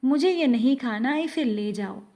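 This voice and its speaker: A woman's voice: high-pitched, animated, a little slow, warm tone. A woman voicing a grumpy, demanding older mother-in-law who scolds sharply in a household story. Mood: scolding.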